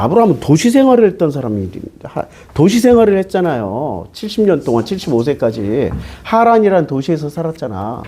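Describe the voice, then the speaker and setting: A man's voice: high voice, dark tone. A man preaching a Bible-teaching sermon as pastor, talking casually and asking his listeners question after question. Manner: conversational, switching between polite and casual speech.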